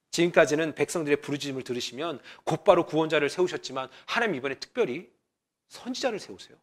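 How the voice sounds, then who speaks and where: A man delivers a Sunday sermon in a high, bright voice that rises and falls with lively swings. He talks to the congregation like a conversation, sometimes hushing almost to a whisper and sometimes calling out loudly. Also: husky. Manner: conversational preaching, swings from loud exhortation to near whisper. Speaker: pastor.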